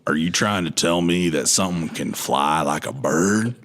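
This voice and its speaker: A man voicing a gruff Old West outlaw cowboy in a slow, folksy drawl. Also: low voice, a bit bright.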